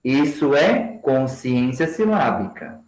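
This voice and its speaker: A man giving a training lecture to teachers and slowly spelling out example words for his class. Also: medium pitch, big pitch swings, a little mellow. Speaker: education lecturer. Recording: roomy echo.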